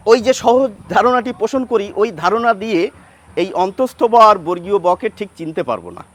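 A man's voice: high-pitched, a bit bright. A man with a Bengali accent teaching a grammar lesson, sounding out example words and asking questions before he answers them.

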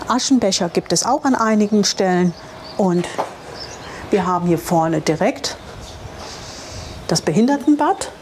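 Speaking into a clip-on lapel mic, a woman presents a camper van travel vlog, giving a chatty, enthusiastic tour to camera with the occasional tease. She moves around a campsite, outdoors and through small tiled rooms. Her darkish mid-range voice has lively intonation, a little slow with long pauses, and clear ambient location noise comes through.

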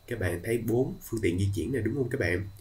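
A man teaching English to children, slow and encouraging and praising them often. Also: fairly low pitch, expressive, a little mellow.

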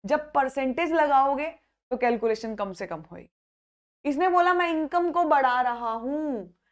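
High-voiced lively woman teaching math. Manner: lively, coaxing students by name, repeats and checks understanding. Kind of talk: live online math class.

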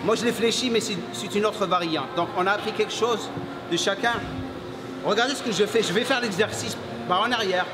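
A man's voice: sits high, brisk. A middle-aged man hosting a gym training vlog, coaching energetically and pushing his partner through sets. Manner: energetic, pushes with repeated "come on". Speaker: bodybuilding coach and channel host. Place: large busy indoor gym. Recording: echoey gym with loud background noise.

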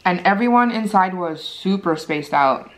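A woman's voice: lowish voice, lively intonation, normal speed, fairly bright tone. A woman in her thirties chatting casually between bites as she crunches chips and chews, like a mukbang vlogger in a living room. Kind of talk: casual chat while eating.

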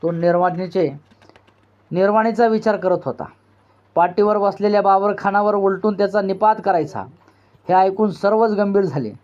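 A man narrating a novel aloud in a measured, literary storytelling delivery. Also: sits high, a little mellow, muffled recording.

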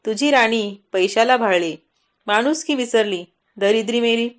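A woman's voice: a little slow, lightly acted. Storybook: a woman voicing a proud, poor old woman, scolding. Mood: indignant. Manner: coughing now and then, speaks low.

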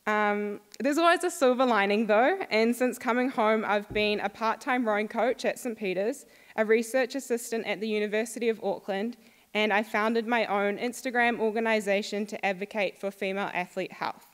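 Young New Zealand woman, former student, upbeat speaker, mid pitch, reverberant hall. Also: normal speed. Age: young adult. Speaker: alumna speaker. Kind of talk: prepared talk to an audience. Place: school hall.

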